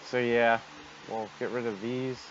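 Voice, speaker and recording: A man's voice: medium pitch, steady tone, measured pace. A man giving casual commentary as he hosts a gameplay video. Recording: dull noisy home microphone.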